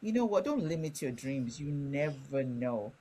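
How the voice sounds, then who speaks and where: Her voice is extremely low, warm, and slightly rough, with a sing-song lilt and a slightly slow pace. She's a middle-aged guest author from Ibadan, Nigeria, with a Nigerian accent, explaining things candidly and conversationally in an interview.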